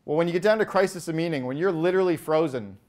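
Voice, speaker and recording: A man speaks from a stage to a live audience, his voice sitting a little high for a man. He talks with lively energy, throws short questions at the crowd and runs through rapid lists of examples. His delivery is that of a seasoned keynote speaker. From Canada. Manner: animated, asks the audience quick questions, acts out quoted voices.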